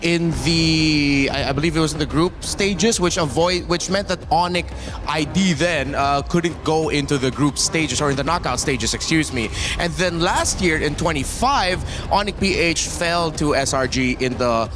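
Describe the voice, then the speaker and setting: A man giving unscripted analysis on an esports desk, halting at times as he rephrases. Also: on the high side. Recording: clear music behind the voice.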